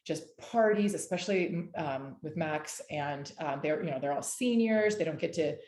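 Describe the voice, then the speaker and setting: A woman in her forties with a lowish, mellow voice leads a casual discussion over a video call. She talks earnestly and rambles, with frequent restarts and soft affirmations. Her voice comes through an echoey room. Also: animated, normal speed. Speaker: discussion leader.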